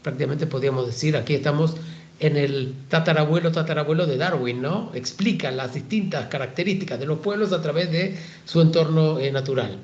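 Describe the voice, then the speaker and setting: A man teaching an informal Talmud lesson, reflective and hesitant, often pausing to check in with rhetorical questions. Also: on the high side. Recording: roomy, dull lo-fi sound.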